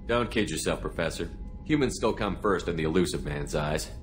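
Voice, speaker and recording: A man playing a calm, resolute military commander in a video game, firm and businesslike, with music behind him. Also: low voice, a little fast.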